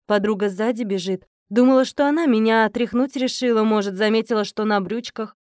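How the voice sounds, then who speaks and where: Lively woman narrating an audiobook. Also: on the high side, a little fast, no echo, studio quality. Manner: lively, expressive reading. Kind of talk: first-person audiobook narration.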